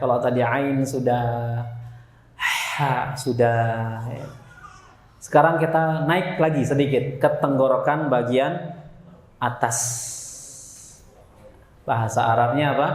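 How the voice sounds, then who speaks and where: A man's voice: medium pitch, steady tone, takes it slowly, pauses often, reverberant. A man teaching Quran recitation to a congregation, playful and laughing often, chanting Arabic sounds for the group to repeat.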